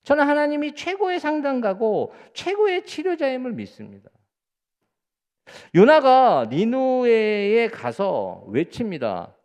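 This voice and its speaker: A pastor preaches a sermon in a large hall, his voice slow with huge swings in pitch. He speaks earnestly and directly to the congregation, often repeating words for emphasis, building to rising emphatic peaks and dropping to soft, low endings.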